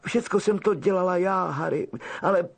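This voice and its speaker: A man's voice: high voice, creaky, voice pushed up. A man voicing a frightened, tearful young girl who pleads and stammers through sobs. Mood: tearful pleading.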